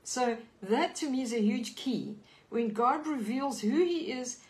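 A woman with a South African accent preaches an earnest teaching sermon over a live stream. Her voice sits a little high, and she reads scripture aloud as she teaches. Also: lively intonation, unhurried, low-quality recording.

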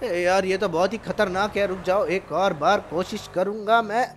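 A gaming channel's male host delivers lively, teasing gameplay commentary full of exclamations and character voices. He's high-pitched at a normal speed, with faint music behind him.

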